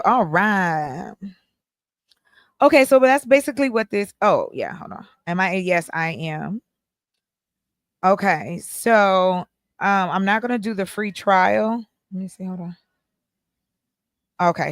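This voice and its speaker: A woman's voice: mid-range voice, very animated, unhurried, long pauses, dry recording. Playful woman in casual chat, dry sound. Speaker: host.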